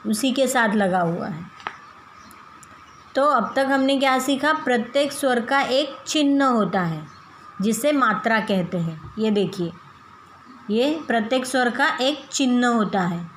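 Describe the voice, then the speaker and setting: A woman's voice: on the high side, slight background noise, poor audio. A woman teaching a grammar lesson to children, patiently spelling out syllables one at a time.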